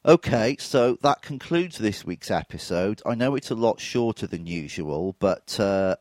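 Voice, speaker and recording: Unhurried and expressive, the host's lowish voice comes across a little mellow and free of echo, though throaty from a bit of flu. He's a man in his forties on a solo podcast, open and reflective, with a self-deprecating streak.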